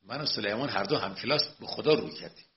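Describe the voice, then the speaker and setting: A male cleric giving a religious lecture, moving between quiet storytelling and loud, emphatic preaching. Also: on the low side, expressive. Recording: dull lo-fi recording.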